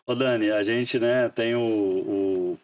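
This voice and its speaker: A man's voice: lowish voice, steady tone, takes it slowly. Chatty jokey male podcast host, slightly distant mic. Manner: jokey, chatty, frequent laughs and restarts. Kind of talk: casual interview chat.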